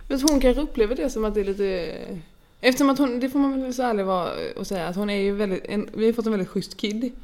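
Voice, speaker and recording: A woman's voice: fairly high pitch, darkish tone. A woman in her thirties, chatting casually and telling stories with animation. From Sweden. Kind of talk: casual chat.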